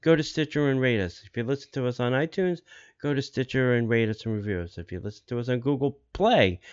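A man with a smooth, clear voice hosts a podcast, running through announcements casually. His delivery halts and circles back to repeat details. The sound is a bit dull. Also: medium pitch, fast talker, darkish tone. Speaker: podcast host.

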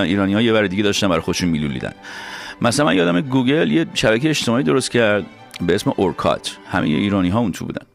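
A male host telling stories in a playful, animated casual chat. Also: medium pitch, vocal fry.

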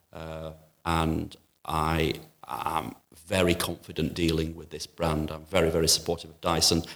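A man who runs a kitchen appliance shop, answering interview questions in a measured way with many "uh" pauses and restarts. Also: low-pitched. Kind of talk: business interview.

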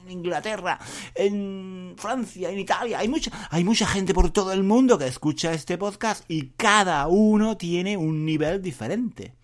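A middle-aged man with a Spain Spanish accent, a Spanish teacher hosting a podcast, who talks fast, rambles and makes fun of himself in a lively, jokey way. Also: sits high. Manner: rambling and self-mocking, fast talking. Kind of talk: casual podcast monologue for learners.

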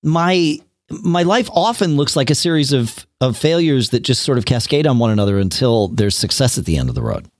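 A man's voice: mid-range voice, big pitch swings, brisk, dry recording, clean studio sound. A man co-hosting a podcast in casual chat, often repeating words as he starts his sentences. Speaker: podcast co-host.

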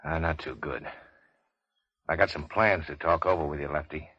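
A man's voice: rumbling low, normal speed, breathy edge, dry recording. An actor playing a wounded big-shot racketeer, wry and world-weary, with clipped slangy tough-guy talk in a vintage radio crime drama. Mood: shrewd. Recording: dull vintage radio recording.

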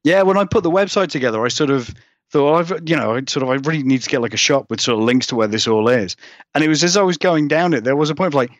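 A horror fiction author, appearing as an interview guest over a remote call from another country, chats casually about his writing. His voice is fairly high and quick, and he rambles, hedges and puts himself down. The recording is dry, with the highs cut off.

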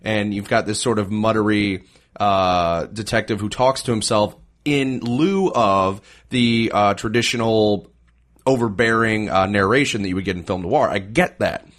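A man co-hosting a casual film podcast in a measured, conversational way. His humor is dry and teasing, and he moves the show along between reviews. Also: on the low side, a bit bright. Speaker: podcast co-host.

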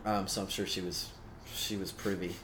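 A man telling a story in casual chat, animated and laughing often. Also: sits low, moderate pace, a little hiss or hum.

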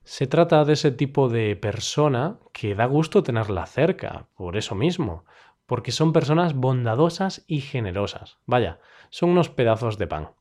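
A man from Spain with a Spanish accent, hosting a daily podcast that teaches Spanish expressions, with clear, measured delivery and a light touch of humor. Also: medium pitch, very animated, darkish tone. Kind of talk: scripted explanatory podcast lesson.

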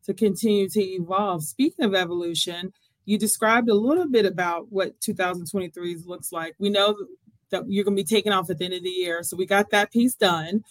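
A woman hosting an interview, chatty and affirming, quick to praise her guest. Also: mid-range voice, no echo, rough recording. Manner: affirming, chatty, laughs easily. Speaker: interviewer, host. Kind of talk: conversational interview.

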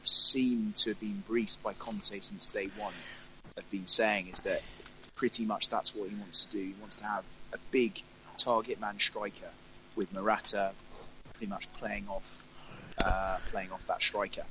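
A man's voice: fairly low pitch, fairly bright tone. A man joining a football podcast over a crackly call line that fades in and out, talking hesitantly with frequent ums and restarts. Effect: crackly remote call line that fades in and out. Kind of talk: casual football chat. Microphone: remote phone or computer call. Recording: muffled crackly call line with faint hiss.

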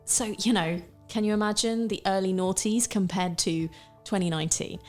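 A woman in her late thirties co-hosting a podcast, musing in a halting way with many restarts and ums. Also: mid-range voice, a little mellow, faint music behind. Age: 30s. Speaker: podcast co-host. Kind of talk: casual chat.

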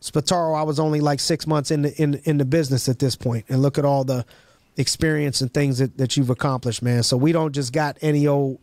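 Hyped podcast host, dry sound. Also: male voice, a little high, steady tone, a little fast, a little mellow, no echo. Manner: hyped, rambling, many restarts and slang. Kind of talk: casual interview chat.

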